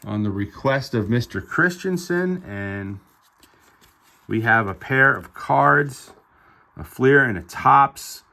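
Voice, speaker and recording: A man's voice: mid-range voice, expressive, slow pace, creaky, pushed and bright. A middle-aged man vlogging as a collector, narrating in a casual, upbeat show-and-tell way with chatty asides.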